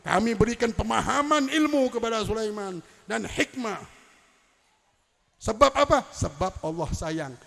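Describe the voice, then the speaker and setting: Guy preaching, high gravelly voice, storytelling style, big hall reverb. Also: animated, a little slow, fairly bright tone. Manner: storytelling, emphatic rising delivery with Arabic quotations. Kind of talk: religious lecture at a public celebration. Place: large event hall.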